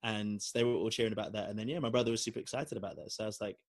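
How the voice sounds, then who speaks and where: A young man from London, speaking with a London accent, co-hosts a podcast and tells a long personal story in a casual chat. His voice is on the low side and gravelly, and he races along in a rambling, animated way, dropping in fillers frequently.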